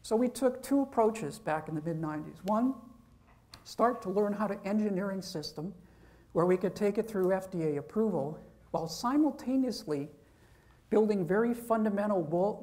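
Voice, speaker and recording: Speaking in a high-pitched, darkish voice, a man who is a professor delivers a casual university lecture. He keeps things conversational and checks in with listeners by asking "okay?".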